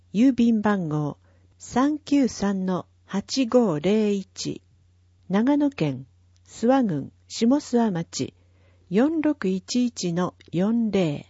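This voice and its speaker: Reading slowly from a town bulletin, this woman has a warm, husky, mid-range voice with no room sound. She delivers it evenly and carefully, giving every digit of numbers and addresses separately, on a dull, dry, lo-fi recording.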